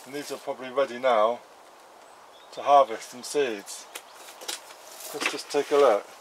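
A man's voice: medium pitch, steady tone, measured pace, slight background noise, poor audio. A man in his fifties giving a casual walk-around of his allotment and polytunnel, chatting plainly as he crouches by the beds. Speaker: allotment gardening channel host. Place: outdoor allotment garden and polytunnel. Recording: faint outdoor ambience with insects.

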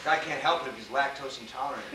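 A man's voice: mid-range voice, fast talker, heavy background noise. A man in a staged comedy sketch, talking in a bossy, know-it-all way, recorded from far off in a small theater. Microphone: distant camera mic. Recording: echoey theater, far from mic.

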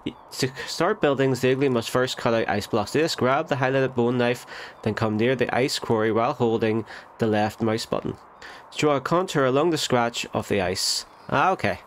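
Casual game commentary comes from a man whose voice is nasal after an illness; he's talkative, corrects himself, and reasons aloud. His mid-range voice moves at a normal speed against a little background noise.

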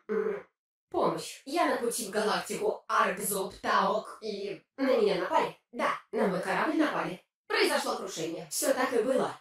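A woman's voice: medium pitch, natural voice. Echoing, haughty female alien played by a woman. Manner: formal, pompous, theatrical phrasing. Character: haughty, curious female alien stranded on Earth. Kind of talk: dramatic video game voice acting. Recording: very echoey, distant, over loud music.

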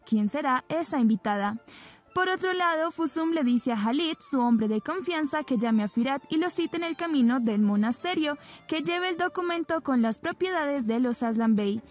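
A woman narrating a recap of a TV drama episode, retelling scenes and reading the characters' lines in her own plain voice. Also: high-pitched. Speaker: soap opera recap narrator.

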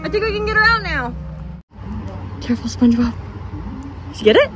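A young woman, a parent, unboxing toys with a toddler outdoors, talking in an animated, encouraging way with frequent gasps. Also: very high voice, a little fast, music in the background. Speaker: parent and channel host. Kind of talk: casual toy unboxing with a toddler. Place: outdoors on a gravel patio by a fence. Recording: outdoor traffic noise.

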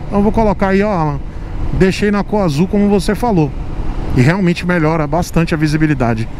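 A man's voice: high-pitched, brisk. A man riding a motorcycle through city traffic, explaining things to his viewers in a casual, repetitive way. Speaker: motovlogger. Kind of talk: casual motovlog talk while riding. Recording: loud street and engine noise. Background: traffic and engine noise.

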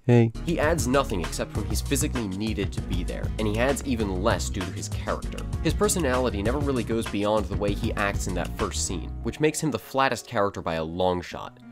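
A man's voice: lowish voice, lively intonation, brisk, few pauses. A man giving a scripted video review with a wry, sarcastic manner. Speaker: video essayist. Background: guitar music.

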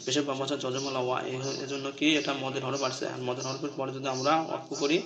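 A man with a voice of middling pitch teaches a scripture reading lesson, breaking each word into its letters and vowel marks. Between the spelled-out parts he chants the verses, rising high and stretching the sounds long. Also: monotone, muffled recording, a crowd in the background. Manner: spells out syllables slowly, then chants verses in a high, drawn-out melody.

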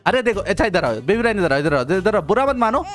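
Young male gaming host, high bright voice, playful and coaxing, soft music under the talk. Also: very animated. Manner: playful, coaxing, quick repeated interjections. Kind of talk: excited gameplay commentary.

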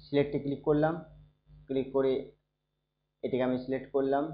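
A man who is unwell, teaching a computer lesson slowly and softly, often asking his students if they follow. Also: medium pitch, level tone. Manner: slow, soft-spoken, checks in often with students. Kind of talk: screen-recorded computer lesson. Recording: dull, echoey room recording.

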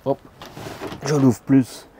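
Extremely slow and nearly flat in pitch, this man's mid-range voice comes through with background noise. A vlogger covering camper vans, he walks through them at a large indoor trade show on a handheld phone, casual and chatty, heavy on fillers, addressing the viewer as "tu."

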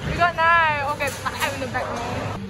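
A young woman vlogging on a phone camera, giggly and excitable, swearing casually. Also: high-pitched, moderate pace, very noisy. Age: young adult. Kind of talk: casual vlog chat. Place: large indoor bowling alley. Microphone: handheld phone camera. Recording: loud bowling alley with music and crowd. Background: loud music and crowd chatter.

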